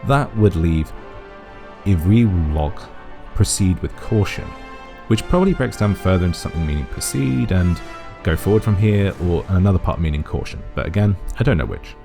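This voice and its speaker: A man's voice: low-pitched, lively intonation, a little fast, gravelly, over music. A man narrating a methodical video essay, reasoning aloud and offering cautious guesses. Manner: methodical, speculative, thinking aloud. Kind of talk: analytical voice-over explainer.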